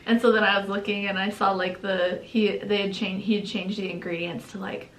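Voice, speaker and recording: Animated young woman telling a story. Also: mid-range voice, a little fast. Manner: animated, acts out quotes, laughs often. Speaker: channel co-host. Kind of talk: casual storytelling. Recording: echoey room.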